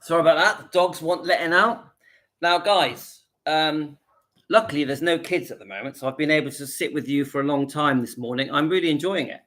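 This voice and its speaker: A man's voice: a little high, brisk, fairly bright tone. Earnest fifty-something man rallying viewers. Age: 50s. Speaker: channel host. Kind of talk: casual direct-to-camera vlog. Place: at home.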